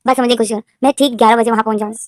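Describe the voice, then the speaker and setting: A flustered young male teacher protests in shocked, indignant bursts, as a woman reads him in a story. The voice is rather high and dry, right at the mic. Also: steady tone, racing, no echo, lightly acted. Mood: worried.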